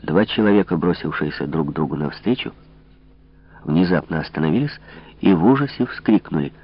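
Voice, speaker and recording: Deep-voiced male audiobook narrator. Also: animated, normal speed, husky. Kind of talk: scripted narration. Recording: dull lo-fi recording.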